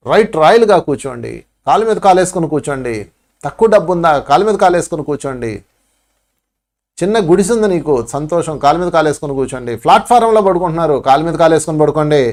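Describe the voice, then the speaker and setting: A man with a Telugu accent giving a spiritual talk, acting out pleading voices to make his points. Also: on the high side. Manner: preachy, acts out pleading voices. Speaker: spiritual teacher.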